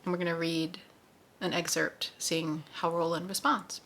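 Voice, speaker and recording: A woman's voice: lowish voice, level tone, normal speed, fairly bright tone. A woman hosting a book club discussion, chatty and conversational, often correcting herself as she goes.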